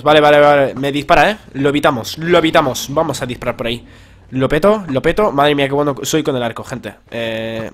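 A young man from Spain, narrating his game casually, swinging between low mutters and excited outbursts, with crude slang and asides to viewers. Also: a little hiss or hum. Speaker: gaming youtuber. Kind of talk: casual gameplay commentary. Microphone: desk mic.

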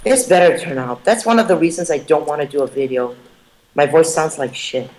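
Casual gameplay commentary from a gamer and channel editor who trades sarcasm over voice chat and panics when his character faces danger. His voice is a little high, brisk and darkish, and the recording is low quality.

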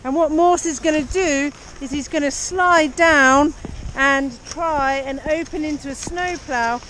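High-voiced cheery woman ski instructor calling out. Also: measured pace, fairly bright tone. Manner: cheery, encouraging. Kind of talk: live beginner lesson, coaching and explaining to camera. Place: outdoors on a busy ski slope. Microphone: action camera held or worn. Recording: noisy outdoor action-camera sound.

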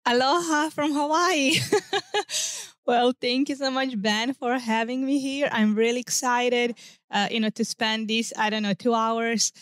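A woman's voice: a little high, fairly even intonation, fairly bright tone, dry recording. Serbian-born woman guest, dry close sound. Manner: measured, non-native phrasing. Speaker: guest researcher. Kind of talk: casual interview chat.

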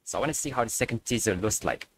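A man's voice: on the low side, expressive, very fast, fairly bright tone, husky. A young man giving casual reaction commentary as a video host.

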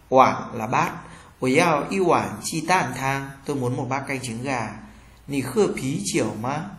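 A man's voice: mid-range voice, roomy sound. A man from Vietnam with a Vietnamese accent, teaching Chinese by reading each word and then giving its meaning, one after another. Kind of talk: slow classroom drill reading.

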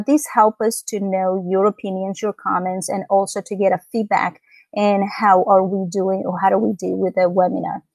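A woman's voice: medium pitch, darkish tone, no echo, rough recording. A young woman hosting a live online webinar over a video call, talking in a friendly way with many ums and uhs. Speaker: webinar moderator.

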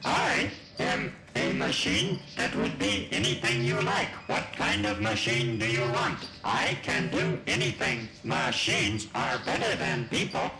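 A man voicing a boastful, stubborn robot machine in a stiff, deliberate robotic voice for a children's puppet sketch. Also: lowish voice, flat delivery, gravelly, roomy sound, rough recording.

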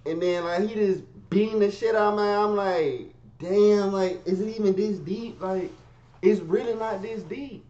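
A man tells a story in his bedroom with animated, slangy delivery. His voice sits a bit high and drops to low mutters, then jumps to yelps. The recording sounds roomy and dull, like lo-fi gear. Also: a little slow. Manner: profane slangy street talk. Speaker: vlogger telling a story. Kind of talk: casual storytime.

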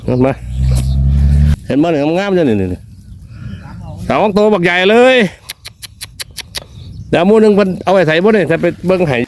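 A man with a northeastern Thai (Isan) accent hosts an outdoor vlog in the countryside, delivering exclamatory commentary and repeating short phrases as he goes. His voice is high-pitched, expressive, and darkish in tone, at a moderate pace with frequent pauses, over slight background noise.

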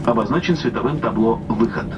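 Male announcer for flight safety demo, formal and measured, distant cabin speaker under loud aircraft noise. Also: mid-range voice, dull audio.

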